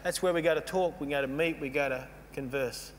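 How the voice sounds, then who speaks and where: A man giving a storytelling keynote speech, animated and mocking as he acts out scenes. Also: fairly high pitch, a little fast. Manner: animated, mocking, playfully acts out quoted voices. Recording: long hall reverb with faint hum.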